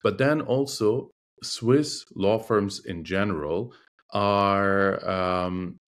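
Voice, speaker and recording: Appearing as an interview guest, an arbitration lawyer whose first language is Russian talks conversationally in a deep voice. He takes his time and considers his words, pausing frequently as he searches for the right one.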